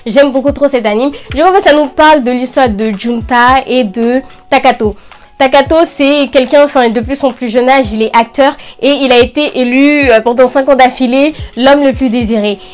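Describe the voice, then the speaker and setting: The host of an anime review channel, a young woman with a high voice, speaks at a moderate pace. She's an eager fan, using informal slang while pointing her video audience toward things she loves.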